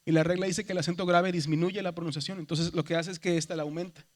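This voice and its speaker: A man's voice: a little high, little pitch movement, fast talker. A middle-aged man teaching Greek pronunciation in a seminary classroom. He explains patiently and keeps checking that the class follows. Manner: explains patiently, often checks understanding with "verdad". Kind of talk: classroom lecture.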